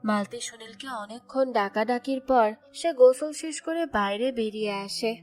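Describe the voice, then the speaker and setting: A woman narrating a movie plot as a steady, scripted storytelling recap. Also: on the high side, moderate pace. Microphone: voice-over. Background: soft background music.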